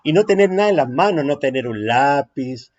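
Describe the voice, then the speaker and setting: A middle-aged man leads an online workshop in a mellow, warm voice. He speaks emphatically, with pauses that check his listeners follow. The sound is dull and lo-fi over a video-call mic. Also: medium pitch, animated. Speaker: preaching workshop teacher. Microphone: computer mic on a video call.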